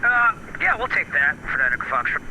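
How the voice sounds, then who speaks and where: A man's voice: fairly high pitch, very animated, a little fast, bright, forceful tone, highs cut off. A male pilot speaking over a headset radio, reading back instructions to air traffic control. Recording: aircraft radio transmission with faint noise.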